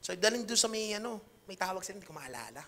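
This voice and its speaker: Pastor, male, high bright voice, casual joking sermon delivery, tells stories. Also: very animated, fast. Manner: chatty, joking storyteller, mixing in English. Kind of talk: conversational sermon.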